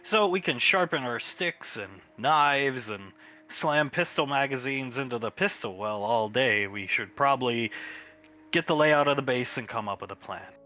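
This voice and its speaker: A man's voice: medium pitch, expressive, moderate pace, pushed and bright, soft background music. A man playing a blunt, wry military officer briefing his squad in a tabletop game, with an authoritative manner. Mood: commanding, wry.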